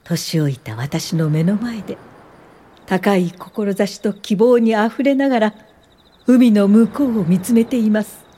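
In this radio drama, a performer plays a gentle, thoughtful educator of eighty, both narrating and talking at a measured, contemplative pace. Her voice sits at medium pitch and has a husky quality.

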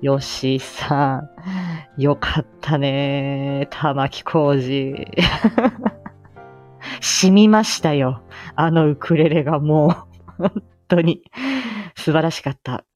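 Speaking slowly with frequent pauses, a woman with a low, darkish voice and fairly even intonation hosts a casual live audio stream. She's an amateur voice drama actor who reminisces, answers listeners and keeps laughing at her own expense, all over background music on a muffled lo-fi recording.

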